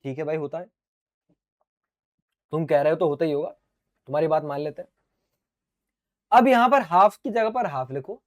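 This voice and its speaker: A high-voiced, middle-aged man teaching physics to exam students in an online lecture. He is lively and playful, talks to the viewers as his dear children, and stages little back-and-forths by answering his own questions the way a student would. His voice is getting a little sore from talking so much. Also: moderate pace, pauses often. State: sore throat.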